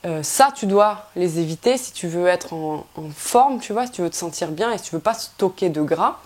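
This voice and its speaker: A young woman fitness vlogger speaks directly to the camera, giving casual advice in a slightly mellow, lowish voice with lively intonation and a normal pace. She is chatty and slangy, full of fillers and restarts, addressing the viewer as "tu" and often saying "tu vois."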